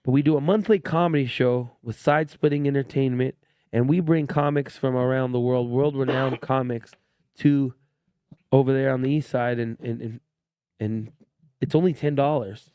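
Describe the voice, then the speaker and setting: A man hosting a casual podcast, relaxed and joking as he chats and reads out a sponsor plug. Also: medium pitch, moderate pace, smooth, dry recording, studio quality. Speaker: podcast host. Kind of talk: casual chat.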